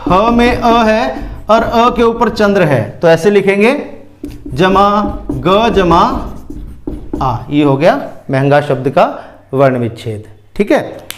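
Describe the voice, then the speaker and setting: Indian man, grammar teacher: high-pitched, unhurried, methodical, spells words out sound by sound. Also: slight background noise. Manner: slow, patient, spells words out piece by piece. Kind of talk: whiteboard lesson explaining spelling breakdown.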